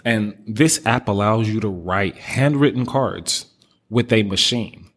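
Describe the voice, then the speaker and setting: A man's voice: fairly low pitch, slow pace. A man hosting a business podcast, upbeat and motivational, talking straight to his listeners. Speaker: podcast host. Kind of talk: casual business podcast talk.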